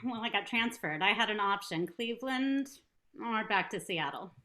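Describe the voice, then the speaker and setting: A woman at a sitcom table read over a video call plays a friendly, teasing career woman who is an old flame, keeping it casual and playful. Her medium-pitched voice is expressive and sharp-toned at a normal speed.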